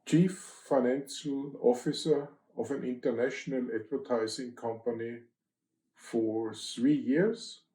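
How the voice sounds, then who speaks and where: An older man from Austria speaks in short clipped phrases, slow and deliberate, with a gravelly edge. His voice is mellow and dark. It sounds a little roomy. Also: medium pitch. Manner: terse, clipped list-like phrases. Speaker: guest. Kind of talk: interview answers.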